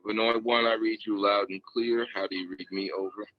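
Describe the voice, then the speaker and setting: Deep-voiced man over a two-way radio. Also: flat delivery, no room sound. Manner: measured delivery with many uh fillers. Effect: heard over a two-way radio. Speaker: radio net control operator. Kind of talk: reading announcements in radio procedure. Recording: muffled radio audio with faint hiss.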